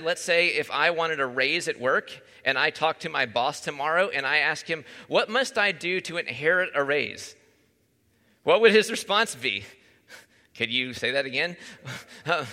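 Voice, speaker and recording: Man, pastor, sermon, bright forceful voice, slightly high, long hall reverb. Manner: conversational, asks the listeners questions.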